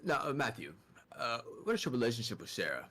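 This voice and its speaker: A young man playing a tabletop game, questioning characters in a playful, drawn-out way. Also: medium pitch, wildly swooping pitch, fairly bright tone. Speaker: player. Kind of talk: casual tabletop game play.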